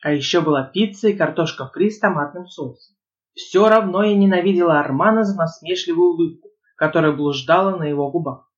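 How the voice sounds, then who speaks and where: A woman reading a first-person novel aloud as an audiobook narrator, in a lively, expressive storytelling manner. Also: lowish voice, fairly quick, lo-fi sound.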